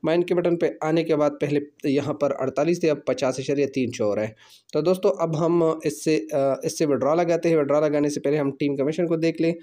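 A man's voice: a little high, brisk, dark tone. A man, the channel host, narrating a screen-recorded app walkthrough step by step with repeated fillers. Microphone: off-screen voice-over over phone screen recording.

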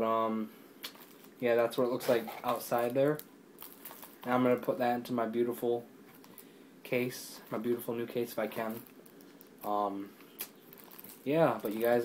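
A young man in casual, rambling chat, excitably showing off discs he ordered, with lots of fillers. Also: mid-range voice, a little hiss or hum, poor audio. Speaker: YouTuber reviewing discs.

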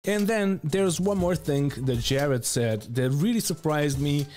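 A man in his thirties delivers opinionated, casual video commentary in a blunt, emphatic way from a home studio room. His fairly high voice is animated and darkish in tone at a measured pace, captured close up on a boom microphone while he wears headphones.

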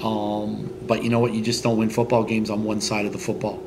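A middle-aged man, a head football coach, answering post-game interview questions in a halting way, with many fillers and restarts. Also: lowish voice, completely flat delivery, noisy background. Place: indoors in front of a team logo backdrop.

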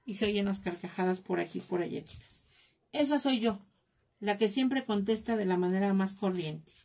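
Working through a live craft class, a Mexican-accented host jokes and chats with her audience, whom she calls "chicas." She speaks at a moderate pace in a warm, medium-pitched voice with vocal fry.

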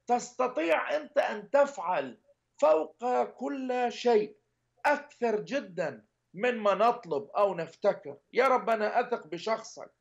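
High-voiced man in earnest prayer. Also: animated, normal speed, creaky, dull audio. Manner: earnest, pleading, repetitive petitions. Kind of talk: intercessory prayer.

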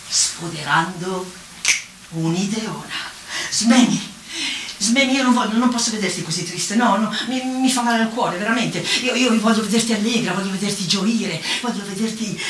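A woman's voice: mid-range voice, slight background noise. A woman voicing a clumsy, exasperated old cartoon witch in a comic stage monologue, exclaiming and laughing as she talks. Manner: animated, exclamatory, laughs while talking. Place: outdoor town square stage. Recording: echoey, from far off, faint ambience.

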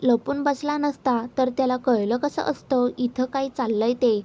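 A woman's voice: high voice, steady tone, unhurried, warm tone. A woman voicing an irritated, suspicious young man who is an elder brother in a storybook reading. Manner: annoyed, suspicious.

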